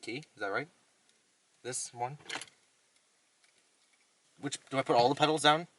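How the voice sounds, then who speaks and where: A man playing along as a clueless novice driver, giving mumbled, deadpan absurd answers inside a car. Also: medium pitch, unhurried, recorded from a distance, slight background noise. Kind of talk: casual comedic banter.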